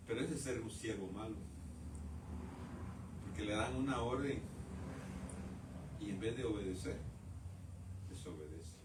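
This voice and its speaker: A man preaching a sermon in a church, calling his listeners brothers and swinging from loud outbursts to quiet asides. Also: fairly low pitch, unhurried, pauses often, recorded from a distance, noisy background. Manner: addresses the congregation as brothers. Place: church sanctuary. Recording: roomy church sound from off-mic.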